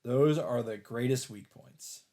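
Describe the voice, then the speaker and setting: In a let's play, a man reads a visual novel aloud as dramatic narration, speaking in halting phrases and dropping in off-the-cuff reactions. His mid-range voice has a dark tone, and game soundtrack music plays behind him.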